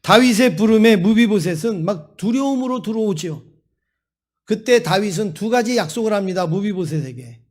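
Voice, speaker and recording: High-voiced, emphatic male pastor. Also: animated, normal speed, a little mellow. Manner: emphatic, rising preaching, storytelling. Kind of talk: sermon.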